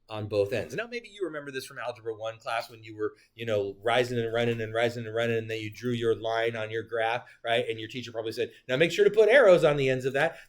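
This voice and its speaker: Lively male geometry teacher lecturing. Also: medium pitch. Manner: animated, joking asides, talks to students. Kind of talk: classroom lecture.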